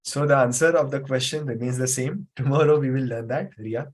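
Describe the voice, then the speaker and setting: A memory trainer teaches a live online class over a video call, explaining patiently, repeating points and using frequent fillers. His mid-range voice moves fairly quickly.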